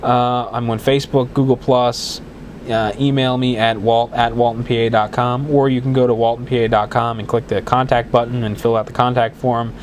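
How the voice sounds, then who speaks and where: A solo podcast host with a head cold talks in a relaxed, rambling manner, with plenty of restarts and fillers. His mid-range voice stays level at a moderate pace, congested and slightly worn, with a little hiss or hum.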